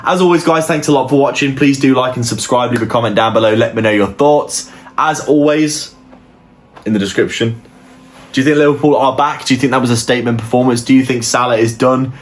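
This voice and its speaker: A man's voice: medium pitch, a little fast. A man giving a casual, opinionated match analysis as host of his football channel, often restarting his sentences. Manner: conversational, opinionated, with frequent restarts.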